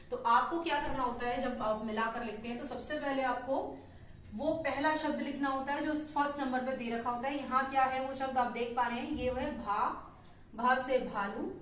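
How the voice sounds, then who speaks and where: A woman teacher patiently explaining letter sounds to small children, stretching out syllables slowly and checking in often. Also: high-pitched, slight background noise. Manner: patient, slow, drawn-out syllables with frequent "theek hai". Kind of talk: Hindi phonics lesson for young children. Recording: echoey room, mic at a distance.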